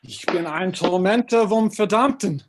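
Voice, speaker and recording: A man's voice: high-pitched, moderate pace, slight background noise, lightly acted. A man in a live script reading, voicing a possessed, demonic German mutant who declaims menacingly.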